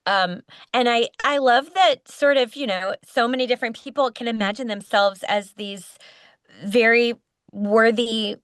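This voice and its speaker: A woman's voice: on the high side, steady tone, measured pace, clean tone, dry recording. A woman voice actress chatting earnestly as an interview guest, often restarting her sentences. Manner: warm, earnest, many restarts. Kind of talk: casual interview chat.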